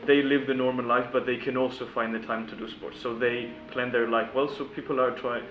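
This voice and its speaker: A man's voice: mid-range voice, level tone, fairly quick. A man giving plain panel remarks. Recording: distant, dull, echoey, faint noise.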